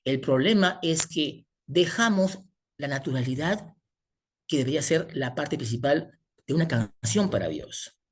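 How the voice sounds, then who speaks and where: A man's voice: on the high side, slight background noise. A man preaching a sermon, asking the congregation rhetorical questions as he teaches.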